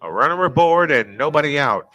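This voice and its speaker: A man calling live baseball play-by-play at a high school ballpark in a chatty, jokey, old-school style. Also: expressive, a little fast, pushed and bright, lo-fi sound. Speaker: play-by-play announcer.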